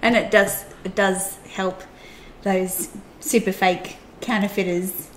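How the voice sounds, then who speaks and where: A woman's voice: medium pitch, steady tone, takes it slowly. A woman hosting a casual chat, chatty and giggly. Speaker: host. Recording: roomy with faint noise.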